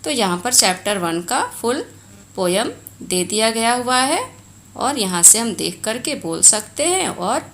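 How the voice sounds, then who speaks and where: A woman's voice: on the high side, very animated, measured pace, a bit bright, slight background noise. A woman with an Indian accent teaching a textbook lesson, explaining in Hindi mixed with English and reading Sanskrit aloud.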